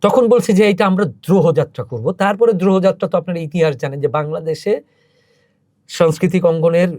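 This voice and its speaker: A cultural organizer guesting on a podcast speaks quickly in a high-pitched, slightly mellow voice. His stories are emotional and emphatic, growing more intense as he goes in this impassioned interview. The recording is dry and studio quality.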